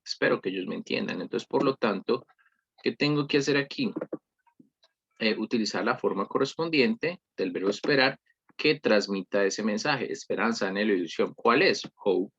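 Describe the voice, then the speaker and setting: Guy teaching english on a screencast, lowish husky voice, kinda dull lo-fi mic, keeps asking "listo?". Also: lively intonation, moderate pace, a bit bright. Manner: patient, repeats "¿listo?" often; corrects himself mid-sentence. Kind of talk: screen-recorded lesson review.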